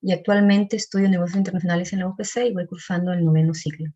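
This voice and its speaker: A woman's voice: lowish voice, steady tone, fast, warm tone. A 36-year-old woman politely introducing herself in class, speeding up through her details. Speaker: student. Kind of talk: formal self-introduction. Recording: dull lo-fi audio.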